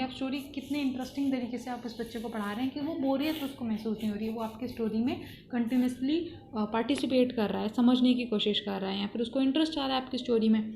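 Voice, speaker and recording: High-voiced Indian woman teaching a lesson. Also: a little mellow, a little hiss or hum. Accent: Indian English. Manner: explains in Hindi mixed with English, reads syllabus lines slowly. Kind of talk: exam syllabus lesson.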